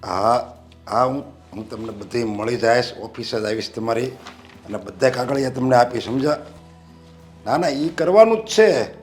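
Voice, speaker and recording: A man's voice: medium pitch, animated, normal speed, soft background music, lightly acted. An actor playing a stubborn older father who guards his property, speaking in a stern, insistent, lecturing way.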